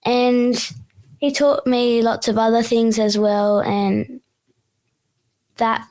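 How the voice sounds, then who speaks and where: A woman's voice: fairly high pitch, flat delivery, slow, a little mellow. A young girl from Perth with an Australian accent, giving short, earnest interview answers. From Perth, Western Australia. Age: child. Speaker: young guest.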